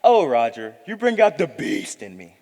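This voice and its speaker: An actor playing a sly manservant who teases his master with mock flattery in a comic audio drama. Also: mid-range voice, moderate pace, gravelly, big-room sound, full character voice. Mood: teasing. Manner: teasing, mock-flattering, playful. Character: cheeky, sly male manservant.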